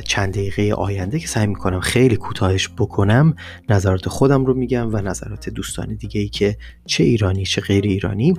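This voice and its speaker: A man with an Iranian Persian accent explains things as a solo podcast host, speaking in a deliberate, emphatic way and repeating words for stress. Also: lowish voice, darkish tone.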